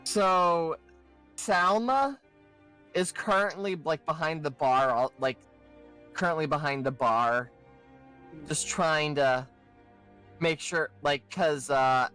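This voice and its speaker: A man running a tabletop game as game master, narrating in a halting way with many restarts. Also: fairly high pitch, bright, forceful tone, smooth, soft background music, low-quality recording.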